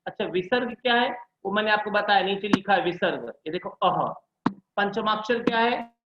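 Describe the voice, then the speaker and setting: A man's voice: high-pitched, normal speed, noisy background. A man tutoring an online class, drilling letter sounds one at a time and checking in with his students. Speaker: Hindi tutor. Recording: echoey, dull lo-fi room sound.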